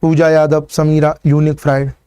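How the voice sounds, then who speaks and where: A high-pitched man teaches a live online exam-prep class. He explains step by step, checks in with "ठीक है ना" and cheers on his students by name. His voice sounds dry and close to the mic. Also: monotone, normal speed, mellow, smooth, dry recording. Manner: greets students by name and encourages them.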